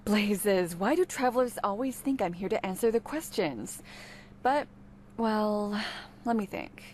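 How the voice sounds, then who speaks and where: A woman's voice: mid-range voice, lively intonation, measured pace, darkish tone, close to an everyday voice. An actress playing a sardonic, world-weary townswoman in a fantasy video game, with a sarcastic delivery. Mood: irritated, helpful. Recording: faint background ambience noise.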